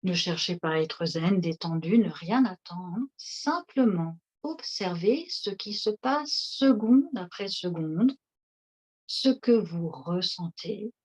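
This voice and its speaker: A woman leading a guided seated relaxation session, speaking in a slow, soothing, instructive way. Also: fairly low pitch, darkish tone. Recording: dull lo-fi recording.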